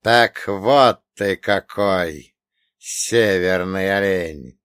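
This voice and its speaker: A man plays a sneering middle-aged oligarch in an audiobook. The voice is cold, contemptuous and louder than the narration around it, with sharp barked words. The recording is dry and close. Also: deep voice, drawn-out words, clear, resonant tone, no echo, exaggerated voice. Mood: mocking. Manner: scornful, barking.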